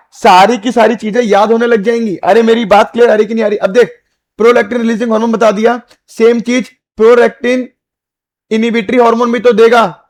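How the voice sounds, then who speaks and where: A male biology teacher giving an exam-prep lecture, repeating key terms slowly and quizzing students with call-and-response questions. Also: high voice. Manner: repetitive call-and-response questioning, calls students beta and bhai.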